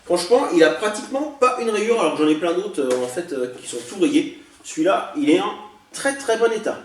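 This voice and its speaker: A man casually showing off a haul of toy blasters, chatty and hesitant, often pausing and correcting himself. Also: sits high, animated, far from the mic, slight background noise. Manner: chatty, hesitant, many fillers and self-corrections. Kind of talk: casual unboxing vlog. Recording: echoey room, voice off-mic.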